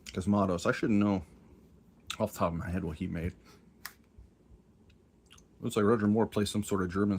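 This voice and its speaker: A man's voice: sits low, a little mellow. A man talking around a cough drop, musing aloud in casual offhand commentary as he shows his collection. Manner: muttering, musing aloud with many asides. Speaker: collector showing his tapes. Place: room at home with a fan running. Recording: faint fan noise behind.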